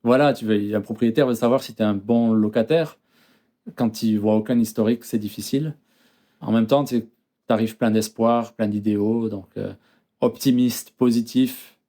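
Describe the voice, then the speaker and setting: French guy in his 30s, guest on an interview, lots of euh and restarts, mellow low tone. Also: steady tone, normal speed. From France. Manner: hesitant, many fillers and restarts. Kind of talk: casual interview chat.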